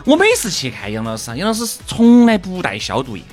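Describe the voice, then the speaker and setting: A man's voice: high-pitched, big pitch swings, fast, over music. Laid-back Sichuanese man spinning wry stories. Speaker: podcast co-host. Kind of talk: casual comedic chat.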